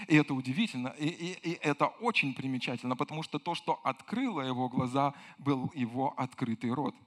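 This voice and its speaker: A male pastor preaching a sermon with fervor. He repeats phrases for emphasis and swings from hushed tones to loud cries. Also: medium pitch, brisk.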